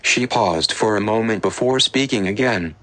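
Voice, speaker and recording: A man's voice: lowish voice, normal speed, fairly bright tone, no echo, low-quality recording. Man narrating a fan-fiction audiobook. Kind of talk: reading fan fiction aloud.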